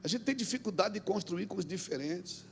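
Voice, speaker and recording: A Brazilian man preaching as a pastor, swinging between shouted exhortation and quiet, acted-out storytelling. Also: high-pitched, animated, a little fast, vocal fry, a little hiss or hum. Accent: Brazilian Portuguese. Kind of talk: sermon.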